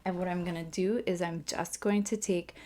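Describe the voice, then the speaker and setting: A woman with a slightly low voice leads a calm grounding exercise. She explains things informally and gently, like an instructor talking someone through a technique, often thinking aloud as she goes. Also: moderate pace, slight background noise.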